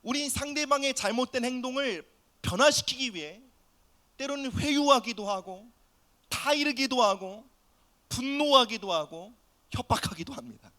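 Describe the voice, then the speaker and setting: A man pastor preaching an earnest sermon, often dropping to a soft near-whisper on key phrases. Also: very high voice, lively intonation, normal speed. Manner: acts out quoted family voices in his preaching.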